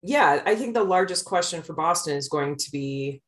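A woman with a slightly low voice, speaking as a podcast co-host. She talks sports casually, laying out her opinions in a measured, informal manner. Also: expressive. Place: podcast studio.

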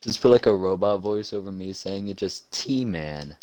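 A man's voice: on the low side, little pitch movement, a little fast, warm tone. A young man joining friends on a podcast, chatting casually with laid-back, chuckling asides. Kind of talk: casual chat.

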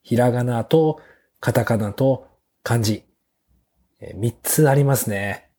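A man hosting a beginners' Japanese lesson podcast, speaking slowly and simply with small fillers. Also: mid-range voice, dark tone. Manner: slow, clear teacher's delivery with fillers. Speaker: podcast host teaching Japanese.

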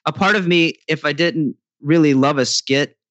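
A man's voice: a little high, normal speed, a bit bright, dry recording, lo-fi sound. A man who is a guest songwriter on a podcast, telling stories casually with self-mocking asides and stammering restarts. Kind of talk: casual chat.

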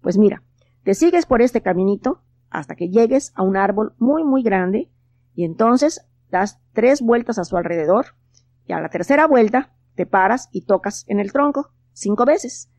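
A woman voicing a small mischievous male forest elf for a storybook, high and teasing. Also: lively intonation, normal speed, darkish tone. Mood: explaining.

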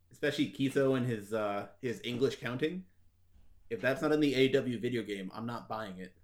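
A man's voice: mid-range voice, normal speed, long pauses. A man co-hosting a casual podcast, joking and rambling with fillers as he watches wrestling. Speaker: podcast co-host. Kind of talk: casual chat over a watch-along.

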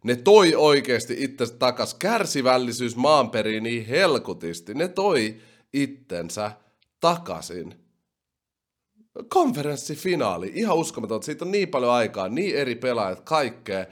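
A young man hosting a basketball podcast in casual chat, reading out listener comments and reacting with animated, sudden loud bursts. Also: mid-range voice. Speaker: podcast host.

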